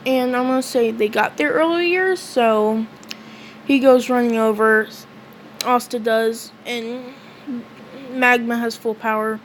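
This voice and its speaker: A woman casually retelling a fan story, halting with fillers and restarts. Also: on the high side, steady tone, a little hiss or hum.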